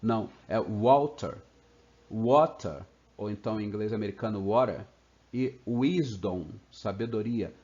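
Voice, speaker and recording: A Brazilian man teaching English in a playful video lesson, slowly stretching out example sounds. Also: on the low side, fairly even intonation, a little mellow. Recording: slightly dull lo-fi sound.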